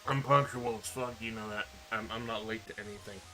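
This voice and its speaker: A laid-back man talks to his stream audience in loose, swear-heavy chat, his voice bright and forceful. He tends to mumble now and then. Faint music plays behind him. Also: lowish voice, fairly even intonation, fairly quick, poor audio. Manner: mumbles at times. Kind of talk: casual live-stream chat.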